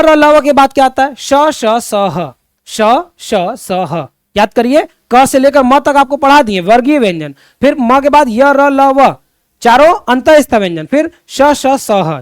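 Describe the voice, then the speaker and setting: A man's voice: very high-pitched, smooth, dry recording, clean studio sound. A man teaching Hindi grammar to students in an online lesson, often repeating his questions and calling his students children. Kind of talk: classroom-style online lesson.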